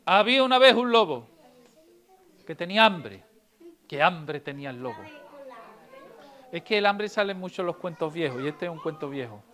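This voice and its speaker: A woman storyteller reading and telling tales to children in a library, lively and asking them questions. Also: fairly low pitch, normal speed, long pauses.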